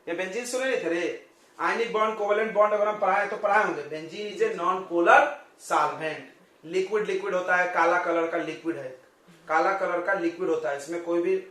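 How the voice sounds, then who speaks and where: A male coaching-class teacher giving a chatty chemistry lesson, joking with his students and firing quick questions at them. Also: sits high, a bit bright. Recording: very echoey classroom, distant mic.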